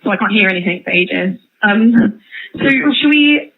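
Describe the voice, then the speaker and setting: A media interviewer phoning an inmate, this woman speaks in an animated, unhurried, mid-range voice. Her chat is casual and slightly tentative, heard through a thin, tinny call.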